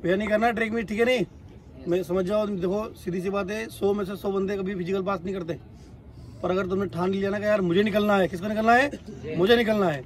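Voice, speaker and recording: A man's voice: sits high, fairly even intonation, brisk. A man coaching trainees at an outdoor training track, lecturing and scolding them and constantly asking whether they have understood. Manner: scolding, repeatedly asks "got it?".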